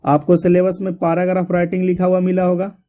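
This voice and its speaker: A man's voice: high voice, completely flat delivery, a little fast, dark tone. A man teaching an exam syllabus, repeating points and spelling words out letter by letter. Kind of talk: explaining a syllabus to students.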